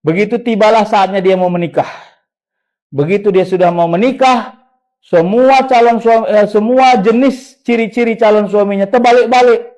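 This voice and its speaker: A man with a Medan accent preaching a sermon, joking and telling lively stories. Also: high voice, moderate pace, rough recording. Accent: Medan Indonesian. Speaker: Islamic preacher. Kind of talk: humorous sermon.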